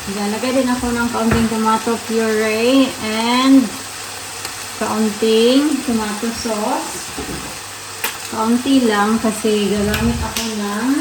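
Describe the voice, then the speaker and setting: A woman's voice: fairly high pitch, noisy background. A young woman from the Philippines with a Filipino accent, chatting casually through a cooking vlog at home and mixing Tagalog with English. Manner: chatty, switches between Tagalog and English, calls viewers "loves". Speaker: vlogger, mother of a baby. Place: home kitchen, indoors. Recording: echoey kitchen with frying sizzle.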